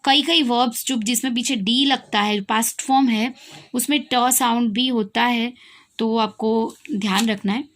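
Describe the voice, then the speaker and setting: Woman, young adult, Indian accent, English grammar teacher, lesson style, slightly high voice, repeats key points. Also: steady tone, a little slow, fairly bright tone. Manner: asks questions and answers them herself, repeats key points.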